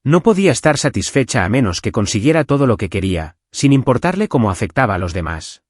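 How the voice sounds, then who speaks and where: A man narrating a scripted first-person revenge story in an expressive storytelling manner. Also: medium pitch, fast talker, slightly rough, dry recording, studio quality.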